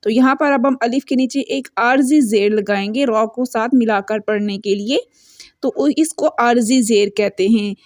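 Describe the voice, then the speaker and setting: A fairly high-voiced woman teaching Quran recitation, patient and repetitive, slowing right down to chant each example verse. She explains each rule step by step in a close, dry recording with no room sound. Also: darkish tone, dry recording. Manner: patient, repeats points, stretches recited verses slowly.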